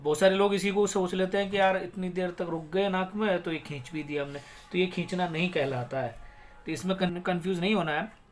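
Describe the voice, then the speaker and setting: A man with a Pakistani Urdu accent teaching a tajweed lesson, patiently explaining rules and repeating words, then reciting them slowly in a drawn-out, melodic way. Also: sits high, steady tone, slight background noise.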